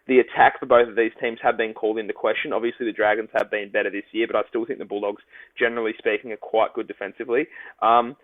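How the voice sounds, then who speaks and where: Fast-talking man with a phone-like sound. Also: medium pitch, no room sound. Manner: rapid-fire, like an auctioneer. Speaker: podcast host, sports tipster. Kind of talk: solo betting podcast talk. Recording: dry, phone-like lo-fi audio.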